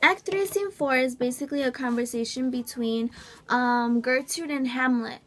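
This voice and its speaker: A woman's voice: high voice, moderate pace. A woman giving an informal, hesitant student presentation, with many ums and likes. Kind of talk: informal class presentation explaining scenes.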